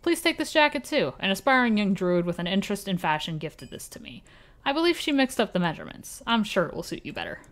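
A woman's voice: mid-range voice, big pitch swings, fast talker. A woman putting on a kindly old blacksmith. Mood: friendly. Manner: vague put-on accent, formal and warm. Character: kindly older male village blacksmith. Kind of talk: reading game dialogue aloud.

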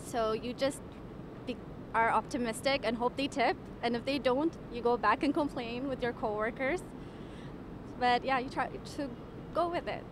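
Brief: young woman, from Ethiopia, fairly high voice, polite measured answers, noisy street behind. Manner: measured and polite, occasional stammered restarts. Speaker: waitress, interviewee. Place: outdoors on a city street. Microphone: handheld microphone held by interviewer. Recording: street noise outdoors.

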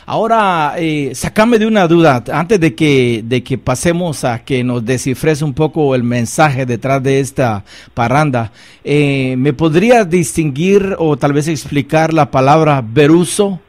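A man's voice: fairly high pitch, measured pace. A man hosting a music talk show who interviews his guest with enthusiastic praise. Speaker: radio show host.

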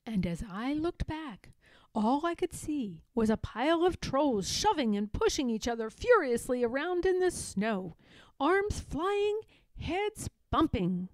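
Very animated, a woman reads aloud from a children's picture book with a high-ish voice that swoops broadly, moving slowly and giving key words dramatic emphasis. There is no room sound in the recording.

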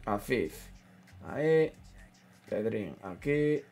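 A man's voice: lowish voice, very animated, extremely slow, creaky, a little mellow, soft background music. A man, a gaming streamer chatting casually over a football management game, muttering to himself and reading out chat. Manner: banters, mutters, reads chat aloud. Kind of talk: casual gameplay commentary.

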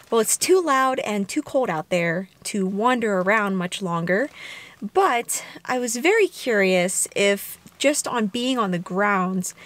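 A young adult woman hosting a paranormal vlog, talking to her viewers. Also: medium pitch. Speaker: vlog host, paranormal investigator. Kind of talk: vlog talk to viewers, soft-spoken narration. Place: inside a parked car.

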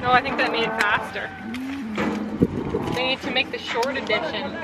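A woman's voice: a little high, fairly even intonation, moderate pace. A woman in her thirties chatting casually in a dry, teasing way, picked up by someone else's handheld camera. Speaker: vet's helper. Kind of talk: casual chat. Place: open pasture by cattle pens, later in a truck. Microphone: handheld camera, off to the side. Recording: distant, very noisy outdoor camera audio.

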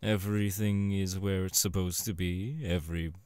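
A man's voice: fairly even intonation, moderate pace, a little mellow, no echo, lightly acted. A man playing Valentino's type of sleazy, seductive demon director and crime boss in an ASMR audio roleplay, with a suave, leering drawl. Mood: leering, appraising. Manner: suave, drawling, leering, with low chuckles and pet names.

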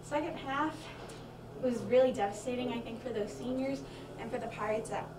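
Speaking at a moderate pace with a fairly high pitch, this young adult student analyst chats through postgame basketball analysis, listing stats and dropping fillers. Recorded on a handheld mic far off in an echoey small studio with a stadium backdrop, crowd noise underneath.

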